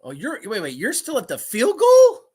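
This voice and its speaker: Excitable sports show host, a man with a high, animated voice who ribs his co-host. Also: moderate pace, slightly rough. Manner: excitable, teasing, bursts into shouts and laughs. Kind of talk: live game-watch commentary chat.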